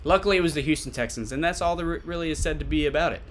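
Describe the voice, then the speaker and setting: A man's voice: on the high side, racing, slight background noise. A man giving casual solo sports commentary as a podcast host, conversational and repeating points for emphasis. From Tennessee, USA.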